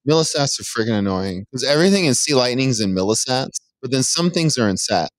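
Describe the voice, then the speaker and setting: A man's voice: medium pitch, expressive, brisk, no echo, rough recording. A man who is a developer, chatting casually on a panel with a wry, joking tone.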